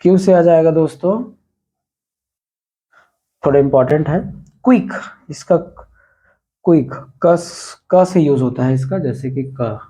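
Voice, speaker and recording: Slow, mellow-voiced male teacher. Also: on the high side, rough recording. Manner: slow, explanatory, repeats words for emphasis; clears throat often. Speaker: English teacher. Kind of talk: spoken language lesson.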